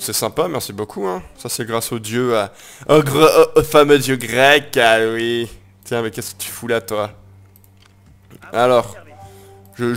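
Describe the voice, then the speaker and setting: A man giving casual let's-play commentary on a strategy game, joking around, coining silly made-up words and swearing now and then. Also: medium pitch. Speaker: gameplay commentator.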